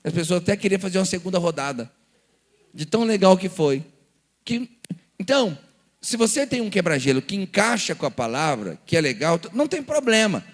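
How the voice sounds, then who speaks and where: Speaking a little fast in a sing-song, high voice, a pastor with a Brazilian Portuguese accent leads a lively church seminar. He tells stories, performs the dialogues and poses rhetorical questions. A long reverb tail trails his words.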